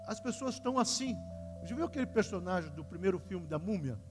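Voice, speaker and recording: A man with a Brazilian Portuguese accent preaching a sermon as pastor, animated, swinging between soft and loud and acting out quotes. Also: high-pitched, a little fast. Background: guitar music.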